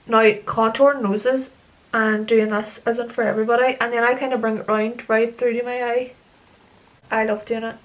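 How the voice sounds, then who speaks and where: Here a young woman's fairly high, fairly bright voice carries a relaxed makeup tutorial chat. As a beauty vlogger working through her routine, she rambles, fumbles her words, and laughs at her own slips.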